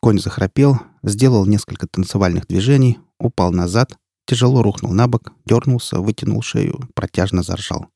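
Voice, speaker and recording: A man narrating an audiobook in a measured, grave storytelling manner. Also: on the low side, creaky, mellow, dry recording, clean studio sound.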